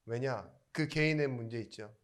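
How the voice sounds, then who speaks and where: Pastor man preaching with sudden loud bursts. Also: medium pitch, normal speed. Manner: conversational storytelling with loud emphatic bursts; asks the congregation questions. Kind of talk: sermon.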